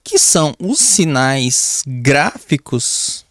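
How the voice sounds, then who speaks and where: A man with a Brazilian accent teaching a grammar lesson for an exam, often calling the class "pessoal" and drawing out key words slowly while he writes on a board. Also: medium pitch, big pitch swings, a bit bright, no room sound, clean studio sound. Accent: Brazilian Portuguese. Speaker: Portuguese teacher.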